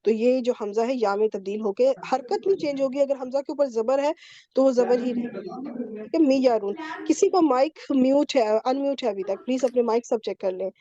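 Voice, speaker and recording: A woman's voice: high-pitched, mellow, dull audio. A woman teaching Quranic Arabic grammar in an online class, explaining patiently step by step and checking in often with her students. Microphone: computer mic on a video call.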